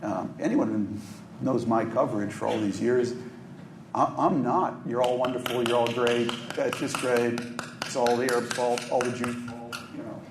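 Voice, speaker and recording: A Minneapolis journalist offers thoughtful remarks on a panel in a hotel conference room, with many ums and restarts. His mid-range voice has fairly even intonation and a moderate pace, and the room is echoey with faint background noise.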